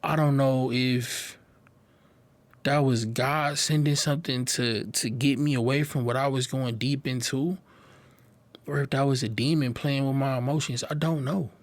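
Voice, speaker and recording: A young man giving a personal testimony to a live audience, earnest and halting, often repeating words as he speaks. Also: mid-range voice, steady tone, dry recording.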